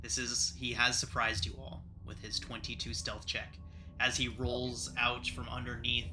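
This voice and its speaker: A man's voice: medium pitch, completely flat delivery, measured pace, music in the background. A man narrating a tabletop game as the game master.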